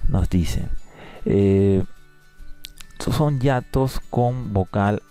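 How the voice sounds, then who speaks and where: Deep-voiced man teaching a patient lesson. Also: drawn-out words, dark tone, smooth, faint music behind. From Peru. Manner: patient, explanatory, repeats words to show how they sound. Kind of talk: exam review lesson.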